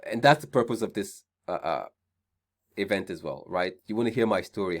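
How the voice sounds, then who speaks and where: A man with a Nigerian accent hosting an online career seminar, chatty, often repeating his points and checking in with "right?". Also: deep voice. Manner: conversational, repeats key points, frequent "right?" check-ins. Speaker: seminar host.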